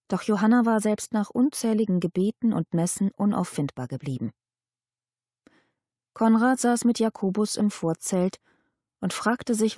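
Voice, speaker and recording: A woman narrates a historical audiobook in a calm, measured way, her voice low and warm. The sound is close and completely dry, with no room at all. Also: dry recording. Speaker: audiobook reader. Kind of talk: scripted narration.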